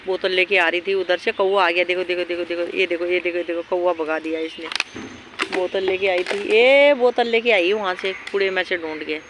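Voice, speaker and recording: A woman filming her dogs outdoors in a park, talking to them in a high coaxing or scolding voice and explaining them calmly to her viewers. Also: normal speed, noisy background. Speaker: dog owner vlogger. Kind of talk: casual narration to camera.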